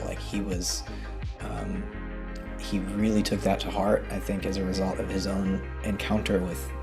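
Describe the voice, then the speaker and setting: A man in a casual philosophical discussion, reflective and pausing often to search for words. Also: deep voice.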